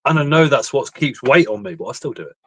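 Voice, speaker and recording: A man's voice: medium pitch, animated, quick pace, dry recording. A man hosting a live stream, chatting casually, telling stories and swearing freely. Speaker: stream host.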